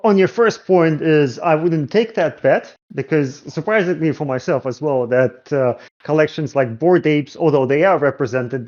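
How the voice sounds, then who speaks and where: A man's voice: medium pitch, darkish tone, muffled recording. A man in a casual discussion, explaining findings with frequent hesitations. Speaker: guest analyst.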